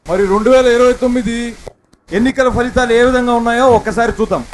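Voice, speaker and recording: Male presenter, loud rhetorical street performer patter, notably high, noise and clicks on the recording. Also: fast talker. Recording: clearly noisy recording with clicks.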